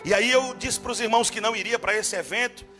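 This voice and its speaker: A fervent male preacher with a high, ringing voice tells a story from the pulpit and drives it toward shouted calls to the congregation. Soft music plays faintly behind him in the church. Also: quick pace. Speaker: guest preacher. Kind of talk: storytelling sermon. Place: church service.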